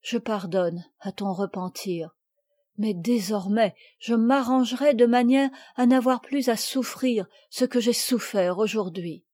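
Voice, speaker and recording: A woman voicing a noble mother in a storybook reading, speaking gently but firmly. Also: on the high side, unhurried, few pauses. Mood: grave.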